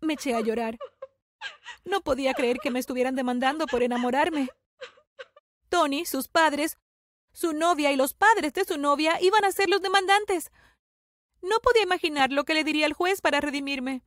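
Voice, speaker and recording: A woman's voice: high-pitched, moderate pace, long pauses, a bit bright, dry recording. A woman narrating a first-person story in a scripted, dramatic, emotional way.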